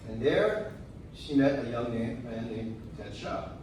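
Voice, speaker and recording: A man delivering a prepared eulogy in a tender, measured way, with deliberate pauses. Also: medium pitch, animated, darkish tone. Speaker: son giving a eulogy. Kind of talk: prepared memorial speech. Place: large room at a memorial service. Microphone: picked up from a distance. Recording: very echoey, distant, noisy hall.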